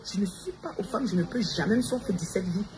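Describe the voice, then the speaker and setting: Speaking fast in a medium pitch, a woman delivers a confrontational livestream rant from Montreal. She defiantly addresses her rivals head-on with repeated challenges over noisy background ambience.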